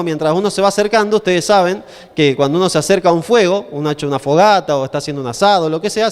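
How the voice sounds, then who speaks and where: Joking male preacher, high voice, recorded in a conference hall with a long reverb. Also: clear, resonant tone. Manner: lively, joking, asks the audience questions. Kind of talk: humorous storytelling sermon.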